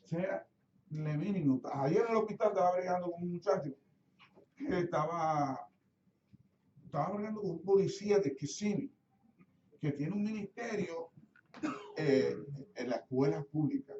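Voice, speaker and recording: A middle-aged Puerto Rican pastor preaches to his congregation in a lively storytelling manner. His voice is dark and mellow, set somewhat high, and it rings through a roomy church from a mic far away. The sound is a little dull. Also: normal speed, long pauses, slight background noise. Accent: Puerto Rican Spanish. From Puerto Rico. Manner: storytelling, acts out his own prayers, asks the congregation questions. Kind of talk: sermon. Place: church sanctuary.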